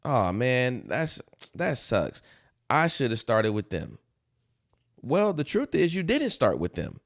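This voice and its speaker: Animated, slow-paced male motivational speaker. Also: medium pitch. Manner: emphatic, repeats key phrases for effect. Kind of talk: motivational talk to camera.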